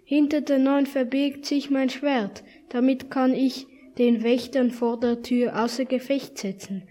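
Storybook figure: woman reads a tiny, loud, impatient boy prince. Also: high voice, fairly even intonation, unhurried. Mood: urgent. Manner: insistent, exasperated, loud. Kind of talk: storybook reading.

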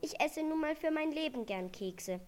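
A woman's voice: sits high, expressive, moderate pace, voice pushed up. A woman voicing a whiny, cookie-greedy male reindeer in a storybook reading, sulky and pleading. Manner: whining, sulky.

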